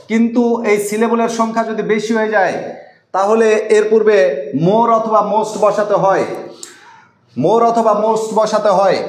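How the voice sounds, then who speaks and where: A man teaching English in a live online class, repeating word forms slowly so students can write them down. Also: sits high, reverberant.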